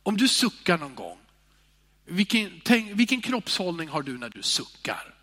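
A male preacher giving a sermon, moving between loud calls and hushed, sighing near-whispers. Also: high voice, big pitch swings, long reverb tail.

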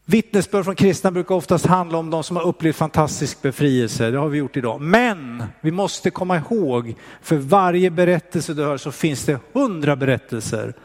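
A man's voice: on the high side, animated, normal speed, few pauses, big-room sound. A man preaching a sermon in a hesitant, pastoral manner.

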